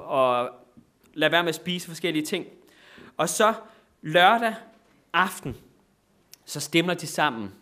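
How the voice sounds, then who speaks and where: A man preaching a sermon in a church, repeating phrases and rising to loud exclamations between looser, filler-laden stretches. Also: on the high side.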